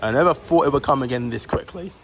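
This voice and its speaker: A man's voice: medium pitch, fast. A man giving casual travel vlog commentary while on the move. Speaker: travel vlogger. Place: on the move in plane and airport. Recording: clear background travel and engine noise.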